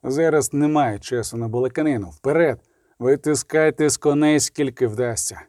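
A man reading aloud, voicing a grim middle-aged monster hunter who speaks low and curt. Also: moderate pace, a little mellow, dry recording, studio quality, close to an everyday voice.

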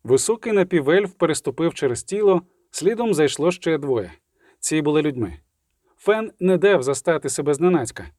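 A man's voice: a little high, animated, moderate pace, a little mellow, dry recording. Man narrating an audiobook, dry sound. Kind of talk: scripted narration.

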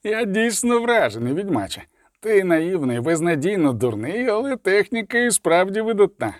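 A man reading aloud voices an arrogant male sorcerer who speaks calmly and sonorously with mocking politeness. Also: high-pitched, normal speed, dry recording, studio quality, pitched above the performer's own voice. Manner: sneering, calm and sonorous.

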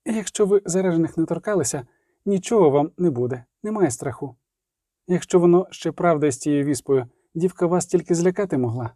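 A man voicing a curt, sharp-tongued young woman archer in a storybook reading. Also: fairly high pitch, animated, a little fast, no echo, clean studio sound. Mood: dismissive. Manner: curt, hissing. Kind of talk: audiobook character reading.

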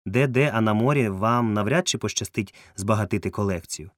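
A man with a lowish, fairly quick voice that sounds close to an everyday one plays a good-humoured ship captain with dry, wry wit. The recording is close and dry with no echo, and his mood is wry and amused as he jokes calmly.

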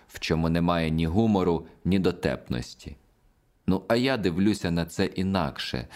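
A man's voice: low voice, darkish tone. A man reading the part of a mocking male composer spirit who lectures with scolding irony in an audiobook.

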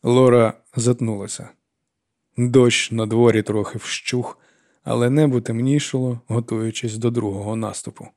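A man narrating a novel in an even, steady reading voice. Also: mid-range voice, normal speed. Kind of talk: audiobook narration.

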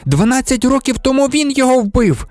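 A man's voice: very high-pitched, animated, brisk, darkish tone, dry recording, soft background music, pitched above the performer's own voice. A man voicing an agitated, insistent teenage boy who exclaims urgently.

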